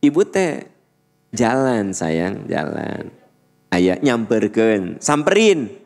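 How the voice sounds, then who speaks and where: Sundanese accent preacher guy, middle aged, jokey sermon, voice jumps around a lot, slow delivery. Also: very animated, creaky. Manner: humorous, acts out high-pitched shouting voices.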